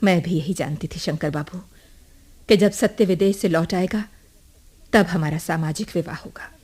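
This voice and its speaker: A woman's voice: on the low side, normal speed, a little mellow, husky. An actress playing a proud, defiant young woman in a radio drama, telling her story with earnest emotion. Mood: earnest recounting. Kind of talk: 1980s radio drama acting.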